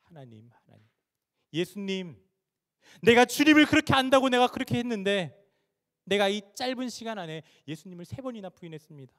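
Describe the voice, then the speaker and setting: A man acting out a desperate disciple who loudly swears he never knew his teacher. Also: high voice, animated, a little fast, pitched above the performer's own voice. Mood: anguished. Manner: loud and vehement. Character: Peter, man cursing his denial.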